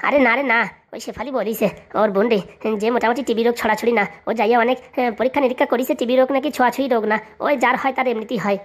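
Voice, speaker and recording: A woman's voice: a little high, fairly even intonation, very fast, close to an everyday voice. A woman doing a trusting bald village brother-in-law. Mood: reassuring.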